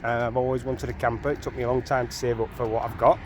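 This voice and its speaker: Talking fast in a level, medium-pitched voice, a Sheffield-accented van owner walks through a repair. It's a chatty, repetitive how-to shot on a handheld phone outside, with a noisy background.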